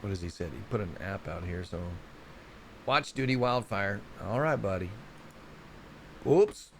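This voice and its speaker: A man's voice: on the low side, moderate pace, a bit bright, a little hiss or hum. A man hosting a casual solo news report on volcanoes, rambling and chatty, often stumbling over place names. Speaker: show host.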